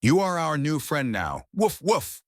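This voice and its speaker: A woman's voice: low voice, sing-song, a little slow, no echo, clean studio sound, voice pushed down, exaggerated voice. A woman voicing a friendly, playful young male puppy in a preschool cartoon, barking between lines. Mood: eager. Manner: eager, barks between lines.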